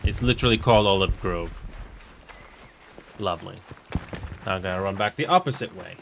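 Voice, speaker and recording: A Finnish-born man whose first language is Finnish chats casually on a live stream while gaming, rambling, repeating himself and muttering at the game. His voice is low, gravelly and fairly quick. The background is noisy.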